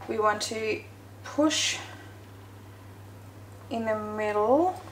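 In an echoey home kitchen with faint noise in the background, a woman bakes and talks at the same time. Her fairly high voice moves extremely slowly as she walks through the process in a chatty way, often correcting herself.

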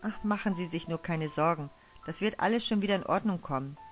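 A woman's voice: lowish voice, brisk, lightly acted. A woman reading the part of a kind young night nurse who offers friendly, chatty comfort, over faint music. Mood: kindly.

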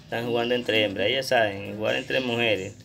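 A man, filming and chatting playfully to his puppies, often slipping into squeaky baby talk. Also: fairly even intonation, brisk, vocal fry. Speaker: vlogger. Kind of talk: casual talk to dogs on camera.

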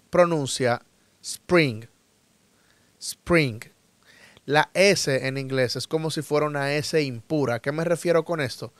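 Slow, deliberate Spanish-speaking male teacher. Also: a little high, clean tone, no echo. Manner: repeats words slowly and emphatically for learners. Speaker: English teacher. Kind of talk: slow, drilled language lesson.

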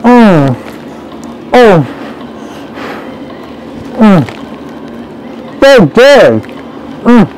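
A man voicing an excited nine-year-old boy at his birthday, gushing with childlike delight and munching noisily between lines. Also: high voice, takes it slowly, long pauses, slight background noise, exaggerated voice, rough recording. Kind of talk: solo animation voice acting.

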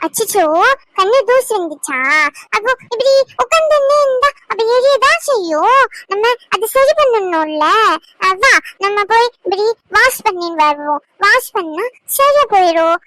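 A woman's voice: very high-pitched, lively intonation, measured pace, fairly bright tone, a little hiss or hum, full character voice. A woman voicing sweet little cartoon boy Roshan. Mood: soothing. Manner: childish, lisping mispronunciations. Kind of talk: cartoon voice acting.

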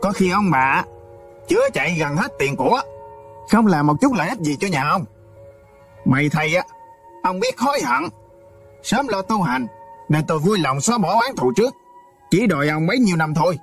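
Man doing a whiny accusing son, high and swooping voice, faint music. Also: big pitch swings, normal speed, gravelly, long pauses, fairly bright tone, full character voice. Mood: aggrieved. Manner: complaining, high-pitched, accusatory. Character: aggrieved son seeking revenge, high and wailing.

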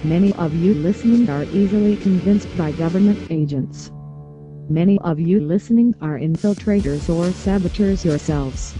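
Give me a dark disguised computer voice, flat and measured, reading an anonymous statement. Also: medium pitch. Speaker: anonymous activist spokesperson. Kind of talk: scripted video statement. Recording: muffled lo-fi audio with faint music.

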